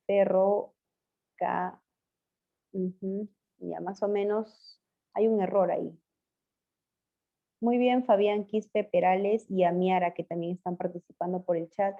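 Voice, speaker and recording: A woman teacher giving an online language class, patiently quizzing her pupils and spelling words out slowly. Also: mid-range voice, steady tone. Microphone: video call. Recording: muffled lo-fi video call audio.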